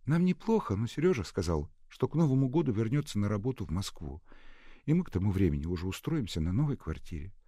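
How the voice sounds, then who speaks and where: A man's voice: fast, breathy edge, no room sound, clean studio sound. Earnest young woman, voiced by a man, storybook, lilting, raised voice. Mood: gentle. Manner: raised pitch, lively.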